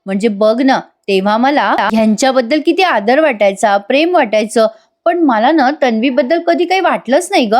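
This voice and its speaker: A woman's voice: fairly high pitch, animated, normal speed, natural voice. A woman with a Marathi accent voicing an emotional middle-aged mother who longs for her lost daughter, in a TV serial recap. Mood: tender.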